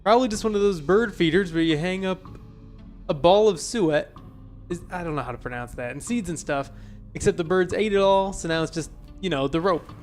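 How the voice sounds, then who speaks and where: A man playing a video game, reading its text aloud with wry, deadpan asides. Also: high voice, fairly quick, soft background music. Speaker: let's player.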